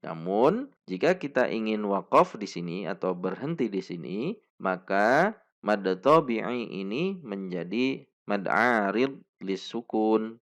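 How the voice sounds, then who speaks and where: A man teaching Quran recitation rules in a patient lesson, pausing to demonstrate each sound slowly and having listeners repeat it. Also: fairly low pitch, animated.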